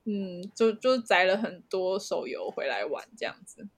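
A woman's voice: mid-range voice, animated, moderate pace. A woman with a Taiwanese Mandarin accent co-hosting a casual podcast chat, giggling often and asking eager follow-up questions. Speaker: podcast co-host.

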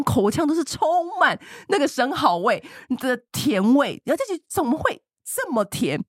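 A woman tells a travel story on a podcast, her voice a little high and swinging widely in pitch. She gushes as she talks. The sound is dry and close. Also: dry recording. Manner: animated, gushing storyteller. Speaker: podcast co-host. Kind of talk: casual chat, travel storytelling.

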